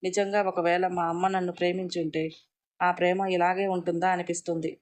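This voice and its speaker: A woman voicing a shy, emotional young wife in a storybook reading, soft and heartfelt. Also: lowish voice, level tone, a little fast, close to an everyday voice. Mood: tearful.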